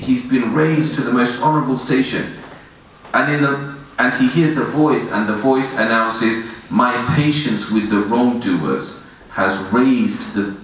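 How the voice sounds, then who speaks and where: A man's voice: mid-range voice, fairly bright tone, slight background noise. A man in his thirties giving an earnest, pleading sermon, reciting verses in Arabic between explanations. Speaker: imam giving a Friday sermon. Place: indoor prayer room with woven screen backdrop. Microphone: stand mic near mouth. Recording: echoey room, voice a bit distant.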